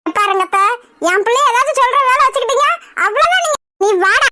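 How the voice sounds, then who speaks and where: Whiny cartoon daughter-in-law. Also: female voice, very high-pitched, expressive, quick pace, background noise. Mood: complaining. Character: weepy complaining young daughter-in-law. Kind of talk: cartoon comedy voice acting.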